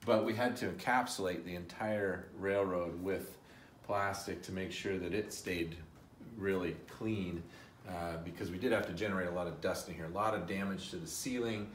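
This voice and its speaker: A middle-aged man giving a casual guided tour of a museum's restored rooms, often pausing with fillers as he walks and explains. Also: low voice, fairly even intonation, far from the mic, slight background noise. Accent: Pacific Northwest American. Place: large empty house museum rooms with bare walls, indoors. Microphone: handheld phone camera following him, often several steps away. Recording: roomy echo, speaker off mic.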